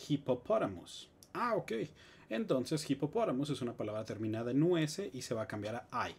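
A man with a Mexican Spanish accent, teaching English grammar in a live stream with lively explanations and joking asides. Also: medium pitch, a little fast, husky.

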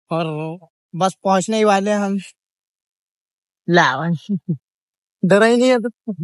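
A man's voice: high-pitched, no room sound. A young man chatting casually and upbeat as he vlogs his walking pilgrimage. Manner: chatty, jokey, upbeat, religious greetings. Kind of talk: casual vlog narration while walking.

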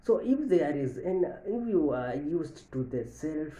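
A man in his thirties giving a health lesson to camera from an office, slowly repeating each point and stressing the key lines. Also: fairly high pitch, sing-song, dark tone. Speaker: medical educator. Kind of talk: health education talk to camera. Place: office with large window, indoors. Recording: echoey room.

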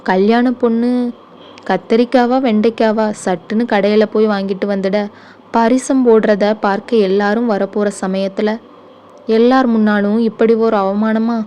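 Audiobook: woman reading as a shaken sister, halting and choked, warm soft tone. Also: medium pitch, fairly even intonation, muffled recording, close to an everyday voice. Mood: distressed. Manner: faltering, choked speech. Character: distressed middle-aged sister, tearful and ashamed.

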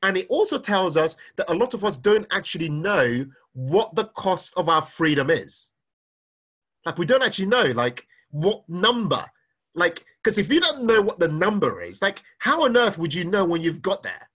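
A man's voice: high-pitched, normal speed. A middle-aged man giving a live-streamed talk on personal finance, reading out viewers' comments and firing questions at them with lots of repetition. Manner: energetic, repeats questions, reads comments aloud. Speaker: finance speaker.

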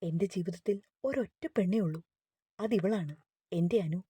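A woman's voice: medium pitch, measured pace, mellow, husky, no room sound. A woman voicing an angry, arrogant young male boss who scolds with contempt.

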